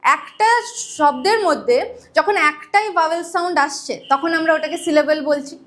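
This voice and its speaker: A woman's voice: sits high, a little slow, fairly bright tone. A woman teacher with a Bengali accent, explaining a poem to students and answering her own questions. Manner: asks questions and answers them herself.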